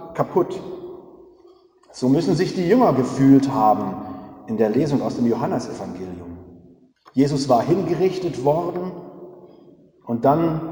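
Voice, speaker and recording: A man's voice: medium pitch, mellow. A man preaching a sermon, using rhetorical questions and repeated three-word refrains. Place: church. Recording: echoey church with long reverb.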